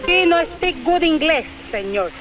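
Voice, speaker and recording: A woman's voice: sits high, animated, moderate pace, over music. A woman playing a brassy, fussing island mother in an old comedy film, with a Latin American Spanish accent and broken English. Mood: coaxing. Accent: Spanish-speaking Latin American.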